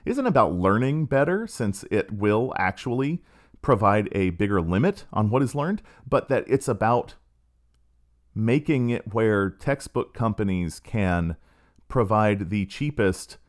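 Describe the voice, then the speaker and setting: A man's voice: on the low side, lively intonation, unhurried. A middle-aged man hosting a podcast, telling a story in a sardonic, casual monologue. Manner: sardonic, storytelling with acted quotes. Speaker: podcast host.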